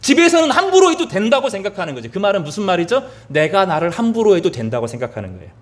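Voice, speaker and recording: Male pastor, sermon delivery, high and lively pitch, rhetorical questions, repeats key words. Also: fast talker. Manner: asks the congregation questions and answers them himself.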